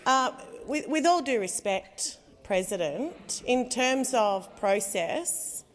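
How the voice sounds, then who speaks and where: An Australian woman speaks slowly as a senator objecting in debate. Her phrasing is short, pointed and insistent. Long reverb places her in a large chamber. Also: on the high side, animated. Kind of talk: raising objections in parliamentary debate.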